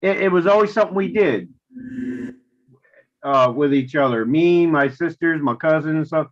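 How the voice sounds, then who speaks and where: A woman's voice: deep voice, moderate pace. An American woman talks in a chatty, folksy manner, casual and colloquial, as on a live stream. The audio is dull and lo-fi. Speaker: co-host of a live spirit box session.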